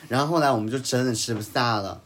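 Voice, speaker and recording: Brief: male co-host, quick and heated storyteller, mid-pitched voice, mixes English into casual talk. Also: a bit bright. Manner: sprinkles in English words. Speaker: podcast co-host telling a story. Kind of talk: casual chat.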